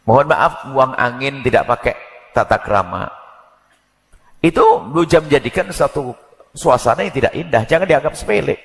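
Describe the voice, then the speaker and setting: A man giving an Islamic sermon on marriage, animated and joking, acting out quoted voices. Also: mid-range voice, moderate pace, long pauses, big-room sound. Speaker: preacher.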